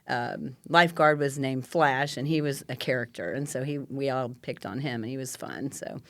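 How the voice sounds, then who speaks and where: A woman's voice: rumbling low, moderate pace. Older woman telling chatty stories. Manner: chatty storyteller, laughs often, many fillers. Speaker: podcast guest, host's mother. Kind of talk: casual chat.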